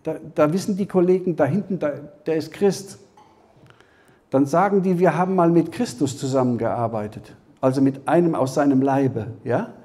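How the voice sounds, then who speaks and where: A man giving a Bible teaching as a sermon, talking conversationally to the congregation, often checking with a quick "ja?" and restarting his phrases. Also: on the high side, dark tone. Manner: conversational preaching, frequent tag "ja?", restarts. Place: church hall.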